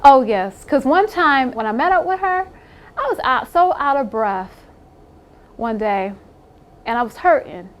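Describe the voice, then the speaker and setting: A woman's voice: high voice, animated, measured pace, pauses often. A woman in an interview giving a candid personal account, blunt and emphatic, swearing now and then and laughing wryly.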